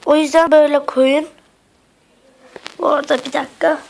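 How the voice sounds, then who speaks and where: A high-voiced woman with a slightly sick voice narrates a casual gameplay tutorial. She is chatty and hesitant, filling gaps with "uh" and turning to her viewers as friends. A clear hiss and mouse clicks run under her home desk-mic recording. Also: level tone, normal speed, darkish tone, rough recording. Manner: keeps addressing viewers as friends, chatty and hesitant with many fillers. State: slightly sick voice with occasional coughs. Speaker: Minecraft tutorial YouTuber.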